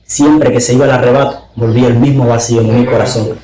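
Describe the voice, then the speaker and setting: A man's voice: fairly even intonation, quick pace, mellow. Fervent man sharing his testimony. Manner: earnest, fervent, rises in pitch when moved. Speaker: guest giving testimony. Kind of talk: emotional testimony. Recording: echoey room.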